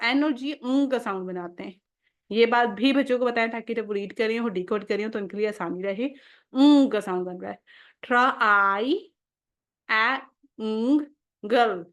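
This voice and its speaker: A slightly high-voiced young woman gives a home-schooling phonics lesson. She breaks each word into single letter sounds, drawing them out slowly. She pauses often to ask whether it is clear. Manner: often checks with "okay?". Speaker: phonics teacher.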